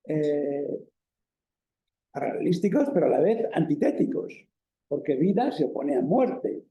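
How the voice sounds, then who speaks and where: A university professor from Spain, speaking with a Peninsular Spanish accent, lectures in an echoey lecture hall. His fairly high, warm voice swings widely in pitch at a measured pace as he explains step by step, full of fillers and tag questions.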